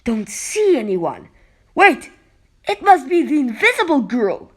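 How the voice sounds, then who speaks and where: Woman doing a cocky teen boy superhero in a comic dub, highish voice, super animated, brash. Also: a little slow, slightly rough, exaggerated voice. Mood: alert. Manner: brash, talks to himself dramatically. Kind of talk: amateur comic-book dub.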